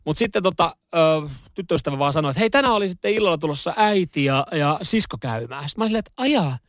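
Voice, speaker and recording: A man co-hosting a radio talk show, rambling through stories in relaxed chat with plenty of fillers and easy laughter. His voice sits fairly high for a man and is captured dry and close to the mic, with no room sound. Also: no room sound. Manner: chatty, laughing storyteller with many fillers. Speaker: radio co-host. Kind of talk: casual chat.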